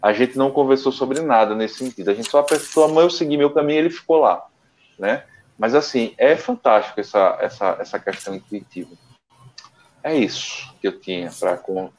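A man co-hosting an online talk from home, telling a story in a relaxed, rambling way with many restarts. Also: medium pitch, fairly quick, a little hiss or hum. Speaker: co-host of an online study show. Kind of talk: casual storytelling and sign-off. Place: his home. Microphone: internet call. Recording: dull, lo-fi internet call audio.

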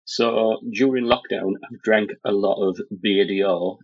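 A man, chatting casually and in a relaxed, rambling way on a podcast. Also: on the low side, unhurried, creaky, muffled recording. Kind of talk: casual chat.

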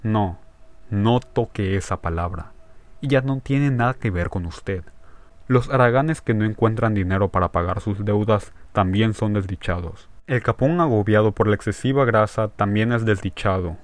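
An embittered country doctor lashes out with scorn, stressing every word, in a storybook reading, as a male narrator voices him. The voice is low and the recording dry. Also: moderate pace, dry recording, natural voice. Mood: bitter anger. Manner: harsh, emphatic, scornful. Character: bitter, grieving country doctor, angry and scornful.

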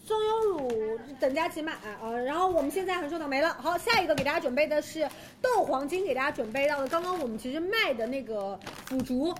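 A woman with a very high voice presents products as co-host of a shopping livestream. She speaks very quickly, explaining details and giving short selling prompts. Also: expressive, noisy background.

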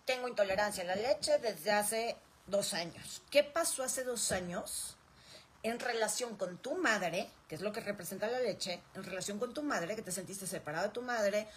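A woman's voice: medium pitch, moderate pace, slight background noise. A woman giving an informal spoken lecture, explaining through rhetorical questions and repetition. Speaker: speaker on emotional roots of illness.

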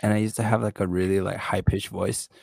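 A young man chatting casually with friends, loose and slangy. His voice sits low with a gravelly fry. It is recorded dry and close. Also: little pitch movement, quick pace, darkish tone, no room sound. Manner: laid-back, slangy, full of likes and mans. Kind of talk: casual group chat.

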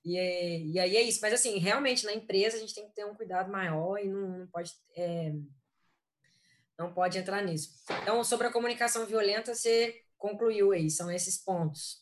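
A woman's voice: medium pitch, fairly even intonation, moderate pace. A Brazilian woman co-hosting a casual live chat, speaking hesitantly with many fillers. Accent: Brazilian Portuguese.

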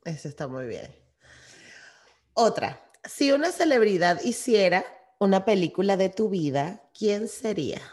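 A woman's voice: mid-range voice, very animated, a little slow, a little mellow. Friendly woman asking questions. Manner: supportive, affirming, laughs often. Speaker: interviewer. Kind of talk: casual chat.

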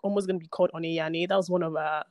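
A woman's voice: low voice, steady tone, rapid-fire, darkish tone. A woman in her twenties co-hosting a podcast, chatting casually with playful, teasing banter. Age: 20s. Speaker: podcast co-host. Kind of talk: casual chat.

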